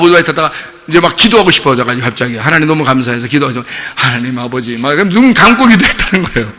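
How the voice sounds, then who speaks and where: Bright, lively male pastor preaching. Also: sits high, slight background noise. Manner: animated, humorous storytelling with frequent laughs. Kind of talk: sermon. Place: church sanctuary. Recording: long church-hall reverb.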